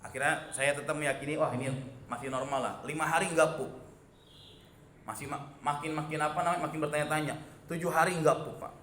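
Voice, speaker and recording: A man, preaching a relaxed dawn sermon in a mosque and often turning to his listeners. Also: on the high side, a little fast, slight background noise. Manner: chatty, addresses listeners as "Pak" often. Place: mosque hall. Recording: echoey mosque hall.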